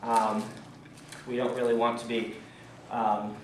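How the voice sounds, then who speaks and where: A man's voice: mid-range voice, flat delivery, slow, slight background noise. A man in his thirties giving a casual writing lecture at a fan convention, chatty with many ums and restarts, his speech a little muffled by a throat lozenge. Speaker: writing teacher. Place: convention room, in front of an audience. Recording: echoey hall, far from the mic.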